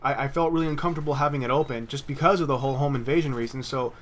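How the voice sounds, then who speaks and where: Talking rapid-fire in a medium-pitched voice, a young man commentates on his gameplay while telling a casual personal story. His delivery is rambling and profane, full of false starts.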